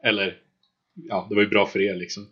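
A relaxed male game master narrates a tabletop game, scattering filler words as he sets the scene. His voice is bright and a little husky, and it comes through a dull, lo-fi mic. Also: lowish voice.

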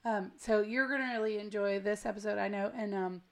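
American woman chatting on her podcast, gravelly n hoarse w/ a cold, lots of fry, rambly and slangy. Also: medium pitch, steady tone, brisk. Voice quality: gravelly, smoky voice. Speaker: podcast host. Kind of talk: casual podcast intro chat. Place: at home.

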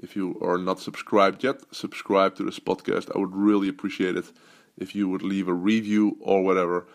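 A business coach from the Netherlands chats loosely on his solo podcast, restarting often and using many fillers. He has a low, level voice with vocal fry and speaks at a normal speed.

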